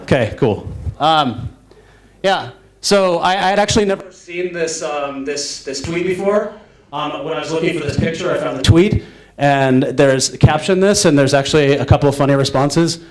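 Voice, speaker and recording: A young man from the northwestern United States gives a casual conference talk on stage, rambling with lots of fillers, restarts, and self-interruptions. His voice is fairly high and his pace moderate.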